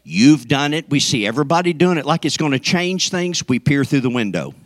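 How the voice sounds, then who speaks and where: A man's voice: a little high, big pitch swings, a little fast, no room sound. A man preaching a sermon to his congregation, folksy and joking, swinging up into emphatic peaks. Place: church sanctuary.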